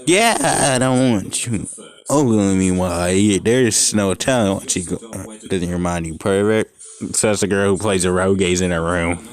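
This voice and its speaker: A young man with a low voice reads a fan story aloud at a normal speed, casually and unevenly. He stumbles over lines and breaks off to joke and swear.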